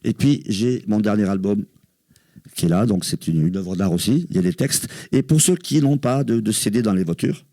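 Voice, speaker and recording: A man who is a singer-songwriter, a guest chatting casually about his work in quick, talkative bursts. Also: fairly low pitch, animated, mellow, no room sound. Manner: chatty and self-promoting, quick bursts of speech. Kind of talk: casual chat.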